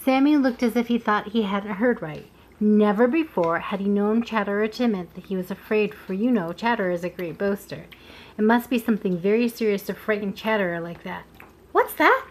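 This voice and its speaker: Brief: young mother, mid-pitched, storybook read-aloud, gentle chatty asides to the kids. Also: brisk, rough recording. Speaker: mother reading to her children.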